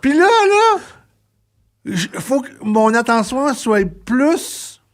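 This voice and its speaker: A man's voice: very high-pitched, very animated, slow. A man with a Québécois accent, a trucker co-hosting a podcast, talking emphatically and addressing his listener directly. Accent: Québécois French. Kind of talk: casual podcast discussion.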